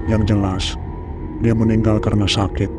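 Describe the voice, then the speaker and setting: A voice actor plays a secretive, evasive older village uncle in a horror cartoon, explaining things matter-of-factly. His natural voice is fairly low with little pitch movement and normal speed, and clear music plays under it.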